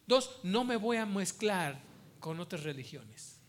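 High-voiced pastor preaching. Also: male voice, very animated, slow, slight background noise. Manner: emphatic, repeats key phrases. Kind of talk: sermon.

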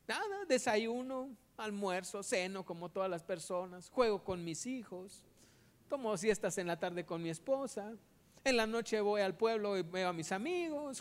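Man doing a laid-back fisherman in a parable, plain and unhurried. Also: high voice, big-room sound. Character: easygoing humble fisherman, contented.

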